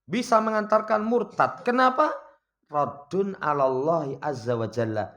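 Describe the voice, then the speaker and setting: A man teaching a religious lesson, reading Arabic text aloud and explaining it in with a slight touch, his pitch and volume swinging widely. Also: animated, measured pace, a bit bright.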